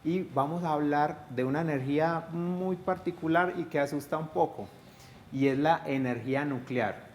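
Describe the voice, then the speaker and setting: A man's voice: on the high side, moderate pace, a little hiss or hum. Man teacher explaining to pupils. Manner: explanatory, addresses pupils with questions. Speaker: science teacher. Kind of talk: educational explanation.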